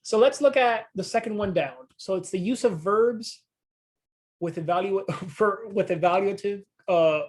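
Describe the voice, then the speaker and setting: A man's voice: high voice, unhurried. A man with a regional accent presenting a training webinar on communication, conversational with self-deprecating asides. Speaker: extension presenter.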